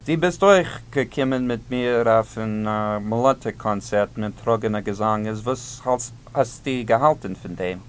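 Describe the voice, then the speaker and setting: A man co-hosting a casual chat, halting and searching for words with many pauses. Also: on the low side, faint music behind. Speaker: podcast co-host.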